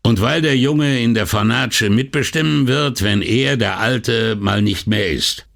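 A man's voice: mid-range voice, unhurried, gravelly, a bit bright, pitched above the performer's own voice. A man voicing a boastful, coarse older workman who gossips bluntly and is proud of himself. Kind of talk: audiobook dialogue reading.

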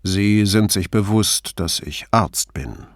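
A reserved, guarded family doctor, read by a man in a low voice. His tone stays neutral and careful. The recording is dry and close. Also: expressive, takes it slowly, no room sound.

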